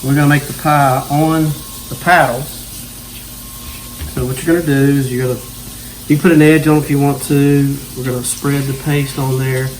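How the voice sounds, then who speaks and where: In a relaxed, folksy manner, a man with a mid-range voice gives cooking instructions at a moderate pace, sounding like a home cooking host. The recording is low quality, with a clear layer of background noise behind him.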